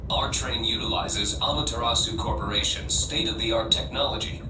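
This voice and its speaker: An actor playing a calm, polite male train announcer, heard over a public address speaker. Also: medium pitch, normal speed. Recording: echoey distant speaker with noise.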